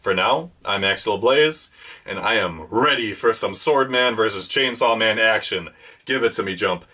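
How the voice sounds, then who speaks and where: A man's voice: fairly low pitch, normal speed, pushed and bright. A man hosting a weekly manga review, reading a scripted rundown with enthusiastic fan commentary.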